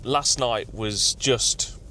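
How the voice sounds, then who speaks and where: A man who works as a tree consultant, vlogging about his day in an excited, rambling, emotional way from his car. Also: mid-range voice, drawn-out words, a little hiss or hum. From England. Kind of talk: vlog. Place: outdoors at night, then in a car.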